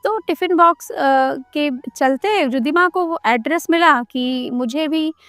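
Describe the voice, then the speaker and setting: A woman's voice: high-pitched, unhurried, fairly bright tone, no room sound, soft background music. A woman narrating a devotional story in a conversational retelling style, stitching scenes together with frequent "she says".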